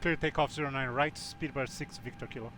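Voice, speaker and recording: Male sim pilot on a headset, terse checklist callouts, mid-pitched voice, faint background hum. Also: fairly even intonation, fairly quick, a bit bright. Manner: clipped, procedural replies. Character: airline co-pilot on a cockpit headset. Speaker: flight simulator pilot. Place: home flight simulator setup.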